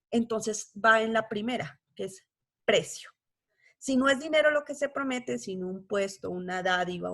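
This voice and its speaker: A woman's voice: on the high side, a bit bright. A woman teaching a law class, explaining patiently and often checking whether students follow. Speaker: law lecturer.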